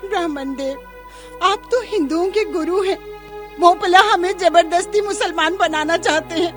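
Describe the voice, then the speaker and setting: A woman's voice: very high voice, normal speed, music in the background. A woman playing a tearful, pleading mother. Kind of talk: street play acting.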